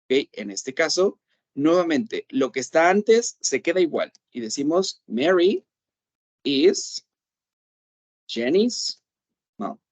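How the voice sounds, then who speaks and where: A man's voice: on the high side, big pitch swings, dry recording. Patient male English teacher, dry sound. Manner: patient, repeats "¿ok?" to check understanding; slows down to say English examples. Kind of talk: online class explanation in Spanish.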